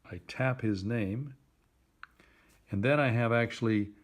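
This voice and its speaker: In a mid-range voice, a man gives a simple tutorial to a phone user, speaking plainly and deliberately. He patiently walks the learner through each step like a careful instructor.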